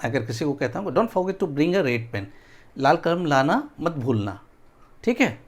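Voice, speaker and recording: A man's voice: fairly high pitch, big pitch swings, slow pace. A man teaching a spoken English lesson, drilling words syllable by syllable and often checking that his students follow.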